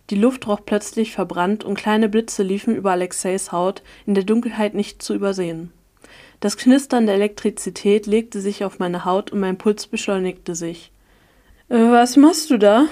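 A woman narrating a novel in the first person at a calm, even reading pace. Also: mid-range voice. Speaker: audiobook reader.

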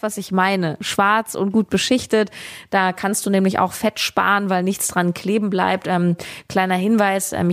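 Woman, young adult, chatty, rambling, casual cooking talk, fillers. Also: medium pitch. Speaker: podcast host. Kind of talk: casual recipe explanation.

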